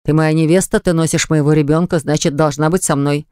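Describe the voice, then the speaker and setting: A man voicing a hot-tempered young man in an audiobook, forceful and commanding. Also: on the high side, fairly even intonation, a little fast, clean tone, no room sound, studio quality, lightly acted. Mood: angry, demanding.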